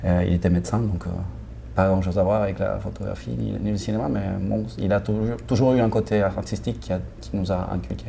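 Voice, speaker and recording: Gravelly Argentine man, mellow and low. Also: steady tone, fast talker, a little hiss or hum. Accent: Argentine Spanish. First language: Spanish. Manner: hesitant, many restarts, laughs often. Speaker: film director. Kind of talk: casual interview answers.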